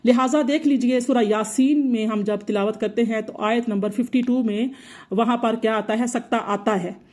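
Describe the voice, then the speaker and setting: Female recitation teacher, higher-pitched, patient and repetitive delivery. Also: fairly even intonation, a little mellow. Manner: patient, repeats points slowly. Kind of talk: explanatory tajweed lesson.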